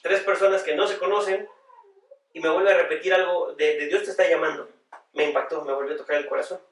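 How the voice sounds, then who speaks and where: A man who is a pastor, telling his personal story as a podcast guest in a reflective, earnest way, often pausing on filler words. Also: on the high side, fairly even intonation. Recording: roomy sound, voice far from the mic.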